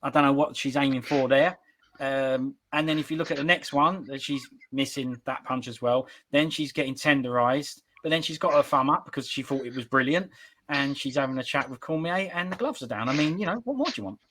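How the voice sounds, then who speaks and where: A man's voice: mid-range voice, fairly quick, a bit bright, rough recording. A man hosting a casual sports podcast chat, rambling and restarting his sentences. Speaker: podcast host.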